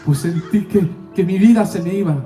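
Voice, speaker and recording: A nervous, nosy shopkeeper, as a preacher puts him on asks probing, pleading questions in a fairly high voice. The voice is mellow and heard from off-mic. It echoes in a roomy space over faint music. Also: male voice, fairly quick, recorded from a distance, close to an everyday voice. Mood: desperate. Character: nervous curious male shopkeeper, prying.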